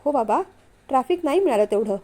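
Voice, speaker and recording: A woman reads out a young husband who teases and coaxes his shy wife. The voice stays high and mellow, with an easy storybook tone. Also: animated, fast talker. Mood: relaxed. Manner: teasing, coaxing. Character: affectionate playful young husband. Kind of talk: storytelling read-aloud.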